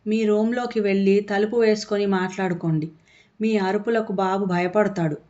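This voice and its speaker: A woman's voice: mid-range voice, steady tone, moderate pace, mellow, natural voice. A woman voicing a firm, blunt young daughter-in-law in a storybook reading. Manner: blunt, cutting. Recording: dull lo-fi audio.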